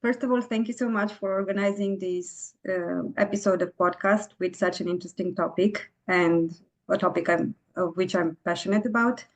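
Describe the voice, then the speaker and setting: A woman's voice: mid-range voice, steady tone, normal speed, rough recording. A woman from Romania, a guest on a podcast, introducing herself in a friendly, orderly way. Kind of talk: casual interview answers.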